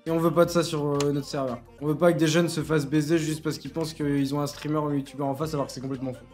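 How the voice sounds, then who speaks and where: Un jeune homme au débit très rapide et à la voix un peu haute, qui commente en admin de serveur. Il parle en argot, tranche net et taquine les joueurs sans ménagement. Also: male voice, a little high, flat delivery, a little mellow, faint music behind. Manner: slangy, bossy, teasing. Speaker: game server admin and YouTuber. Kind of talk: casual Let's Play commentary.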